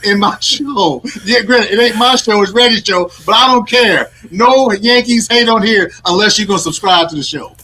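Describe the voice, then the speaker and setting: A man with a high, bright voice, co-hosting a casual sports podcast. He argues in a mock-stern tone and lectures his partner about the rules. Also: normal speed, hardly any pauses, a little hiss or hum. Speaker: podcast co-host.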